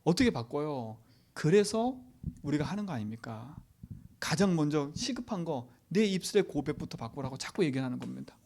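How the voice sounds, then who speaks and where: A male pastor giving a sermon. He asks the congregation rhetorical questions and swings from loud exhortation to near-whispers. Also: fairly high pitch, sing-song, moderate pace, creaky, slight background noise.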